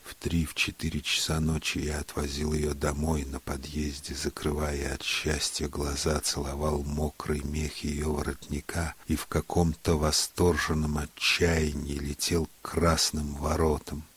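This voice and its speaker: Very deep, husky male narrator. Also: completely flat delivery. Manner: hushed, unhurried, sometimes sinks to a whisper. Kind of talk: literary reading.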